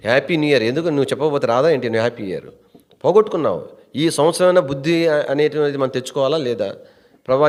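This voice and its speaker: A man preaching a sermon as pastor, telling a story with restarts and rising to high, emphatic questions. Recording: long hall reverb.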